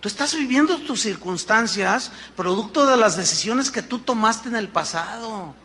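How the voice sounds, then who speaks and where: A pastor, preaching a sermon, asking rhetorical questions and acting out little dialogues. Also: male voice, high-pitched, animated, normal speed, pushed and bright, slight background noise. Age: 50s.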